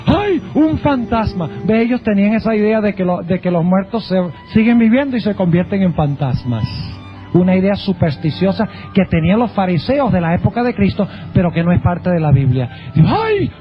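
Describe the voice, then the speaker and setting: A man preaching a sermon as pastor, dramatic and emphatic, slowing down to stress key words. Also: high voice. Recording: dull lo-fi sound with faint music.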